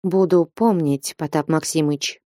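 A woman reading the part of a humble, frightened young man who answers in a hushed, dejected voice. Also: low voice, a little slow, no echo, studio quality. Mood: subdued.

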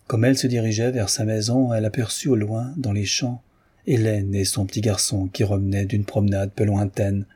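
A man giving a steady, measured audiobook narration of a classic novel. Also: lowish voice, slightly rough. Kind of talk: scripted narration.

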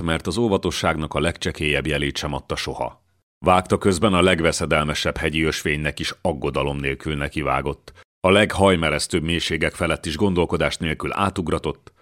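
A man reading a historical novel aloud as an audiobook narrator, in measured storytelling style. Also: deep voice. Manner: measured storytelling, lifting his voice for shouted orders.

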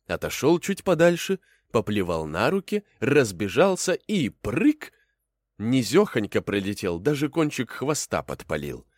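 A man reads a fairy tale aloud with lively, expressive storytelling. His pitch rises and falls widely from line to line. The sound is dry, with no room echo. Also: measured pace. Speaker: narrator. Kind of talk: storybook reading.

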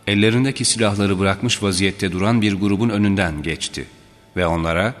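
Deep-voiced man reading solemn religious history. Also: a little fast. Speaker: narrator. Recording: reverberant with faint background music.

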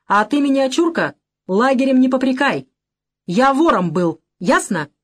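A woman reading an audiobook voices a young male ex-thief who speaks bluntly, hard and deliberate. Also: sits high, animated, pitched above the performer's own voice. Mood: hard defiant. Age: young adult.

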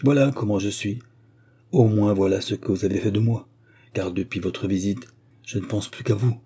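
A man's voice: fairly low pitch, steady tone, normal speed, warm tone, slightly rough. A man reading the part of a smug, married middle-aged notary who presses his suit with cajoling questions. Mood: wheedling.

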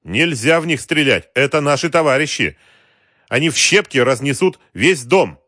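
A man's voice: medium pitch, expressive, moderate pace, pushed and bright, no echo, studio quality, voice pushed up. A man voicing an earnest, stubborn young male officer. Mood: insistent. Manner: earnest, insistent.

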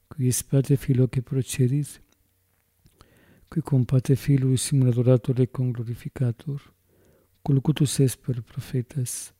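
A man's voice: mid-range voice, warm tone, dry recording. A man, a priest, solemnly reciting Latin Mass prayers and reading the Gospel aloud in Spanish. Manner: slow, solemn intoning.

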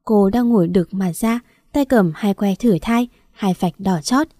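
A woman reads a story aloud in an even, measured way. Her voice is dark and mellow at a middle pitch, and the recording is dry and close with no room sound. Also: no echo. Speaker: story narrator. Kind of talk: scripted story narration.

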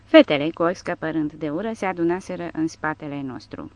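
A woman narrating an audiobook in an expressive, dramatic reading style. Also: low-pitched, dry recording.

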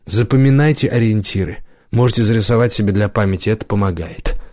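A matter-of-fact guide, as a male narrator reads him briefing a squad in a plain, instructive way. The low voice is recorded close and completely dry. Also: fast, darkish tone, dry recording, natural voice. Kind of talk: audiobook character voice.

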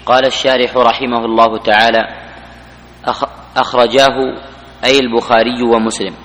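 A man reading a book's commentary aloud to the class in a mosque, in an even recitation. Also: mid-range voice. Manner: even, flat recitation of the text. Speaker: student reading the text aloud. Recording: reverberant mosque hall recording.

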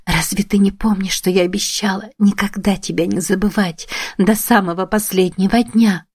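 A woman's voice: mid-range voice, fairly even intonation, normal speed, a little mellow, husky, no echo, lightly acted. A woman voicing a young heroine who sobs and pleads in grief, close to hysteria. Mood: grieving. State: crying.

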